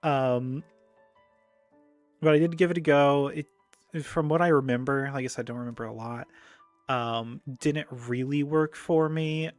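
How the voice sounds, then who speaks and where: A man's voice: medium pitch, steady tone, unhurried, pauses often, dry recording, faint music behind. A man hosting a casual chat, talking in a rambling way full of ums and offhand swearing. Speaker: host.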